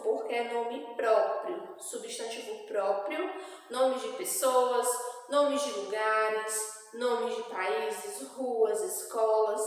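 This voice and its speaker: A Brazilian woman teacher slowly going over spelling with children, spelling out words in a patient, clear classroom manner. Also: fairly high pitch, a little hiss or hum. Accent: Brazilian Portuguese. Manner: slow, clear, syllable-by-syllable teaching. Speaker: primary school teacher. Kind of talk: spelling lesson dictation review. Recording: echoey room with long reverb.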